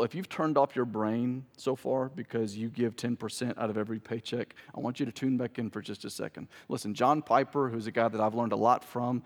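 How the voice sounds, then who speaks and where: Male pastor, mid-pitched, conversational sermon rising to emphatic points, long church-hall reverb. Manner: conversational preaching that swells into emphatic peaks. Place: church sanctuary with congregation.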